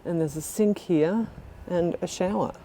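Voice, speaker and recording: A woman's voice: on the low side, measured pace, background noise. A woman chatting on camera outdoors in a casual travel vlog, bubbly and often laughing. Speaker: vlogger. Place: outdoors at a lakeside town and campsite.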